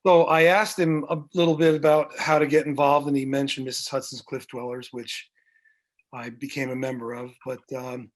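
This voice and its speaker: A middle-aged man, a music director appearing as a guest on a video podcast, tells long, rambling anecdotes full of fillers and restarts. His mid-range voice holds a level tone at a moderate pace, picked up over a video call.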